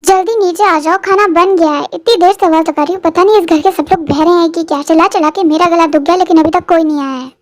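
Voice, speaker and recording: A very high-voiced reader playing a bossy young woman who scolds the household. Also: steady tone, fast talker, hardly any pauses. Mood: scolding.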